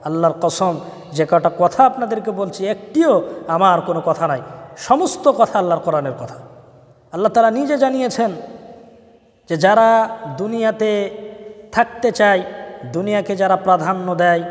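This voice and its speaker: High-voiced preacher in a reverberant hall. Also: male voice, expressive. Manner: rising and falling preaching cadence, drawn-out emphasis; recites Quranic verses in chanted Arabic. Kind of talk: sermon.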